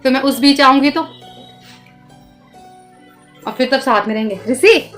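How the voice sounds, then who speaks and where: A woman in her thirties with a high voice, coaxing and soothing her child in a casual home vlog. She talks softly and patiently, and faint music plays behind her. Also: a little slow. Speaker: vlogger, mother. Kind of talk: casual family vlog talk.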